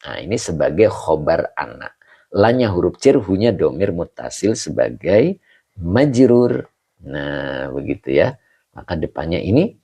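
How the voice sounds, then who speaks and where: Slow, deep-voiced ustadz teaching grammar live. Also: male voice, gravelly, warm tone, husky. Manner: slow, repeats terms, drawn-out Arabic words, many "nah, begitu ya". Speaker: ustadz teaching a live online study session. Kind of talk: kitab grammar lesson, live stream.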